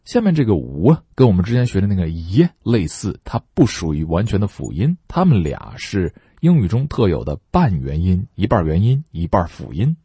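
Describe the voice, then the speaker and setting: A man gives a phonetics lesson in English pronunciation, chatting patiently between repeat-after-me drills and stretching out demonstration words for students to repeat. His low voice is warm and husky, with big pitch swings, normal speed and hardly any pauses. The sound is dry, with no echo.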